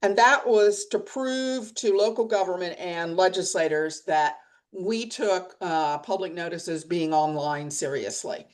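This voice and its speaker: A woman's voice: on the low side, measured pace. A middle-aged woman leading a press association, talking bluntly and emphatically in a webinar discussion over a video call. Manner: blunt, plain-spoken, emphatic.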